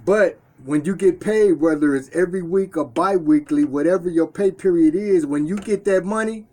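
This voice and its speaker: Speaking at normal speed, a store owner from Detroit with a high-sitting, dark-toned voice records himself in his shop. His casual talk to camera is earnest, with phrases frequently repeated and restarted.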